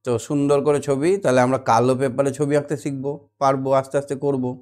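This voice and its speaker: A man's voice: mid-range voice, flat delivery, quick pace, a little mellow. A man teaching a children's reading lesson, coaxing small children and asking them to repeat after him in a sing-song way. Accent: Bengali (West Bengal).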